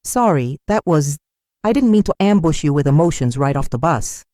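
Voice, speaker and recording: A woman reading the lines of a remorseful grown son who apologizes haltingly. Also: low-pitched, lively intonation, dark tone, no echo, studio quality. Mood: sheepish. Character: remorseful grown son, young adult man.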